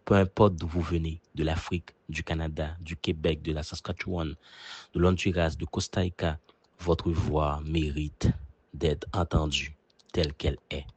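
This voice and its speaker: A man with a Haitian accent speaks in a very deep, low voice with a husky grain. He talks in an earnest, measured way, like a teacher giving a prepared testimonial. The recording is close and dry. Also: flat delivery, no echo. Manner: earnest, measured, with occasional fillers. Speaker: teacher and journalist.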